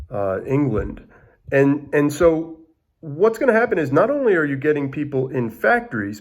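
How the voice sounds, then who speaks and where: Male history teacher, mid-pitched, chatty and self-correcting, recorded at home for an online class. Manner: rambling, self-interrupting, animated. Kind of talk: casual history lecture to students.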